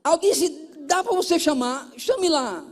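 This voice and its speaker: A man's voice: extremely high pitch, lively intonation, measured pace. A male pastor with a Brazilian Portuguese accent, preaching a sermon and telling a counseling story, acting out the dialogue and repeating phrases for emphasis.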